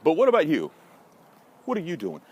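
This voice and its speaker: A man's voice: a little high, huge pitch swings, a little fast, darkish tone, dull audio. An American man talking casually and bluntly to listeners while out walking in a park, rambling with wry, folksy asides. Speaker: vlogger and social media marketing consultant. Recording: noisy outdoor walking recording, vehicle sounds. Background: outdoor city ambience, passing vehicles.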